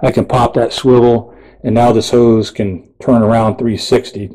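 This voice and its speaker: A man's voice: mid-range voice, level tone, moderate pace, dark tone, rough recording. A man casually walking through the equipment inside his work trailer, explaining things plainly with fillers. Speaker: pressure washing business owner. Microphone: handheld camera mic, filming in first person.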